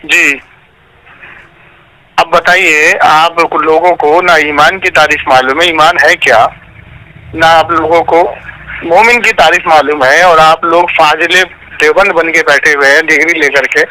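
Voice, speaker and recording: Forceful man quizzing over a phone line. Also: on the high side, fairly even intonation, a little slow. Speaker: religious debater on a phone call. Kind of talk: phone debate.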